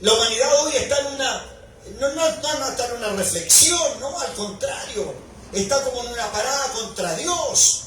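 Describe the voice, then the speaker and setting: A male pastor preaching a sermon, building to shouted emphasis at key points. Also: extremely high pitch, lively intonation, moderate pace. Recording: echoey hall recording from far off, faint noise.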